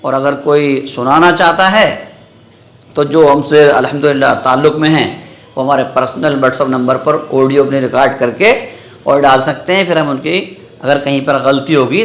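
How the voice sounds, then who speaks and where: A man's voice: medium pitch, moderate pace, fairly bright tone. A man teaching a Quran reading lesson in a classroom. He drills syllables one by one and keeps checking that his students follow. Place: madrasa classroom with students present. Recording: roomy echoey classroom.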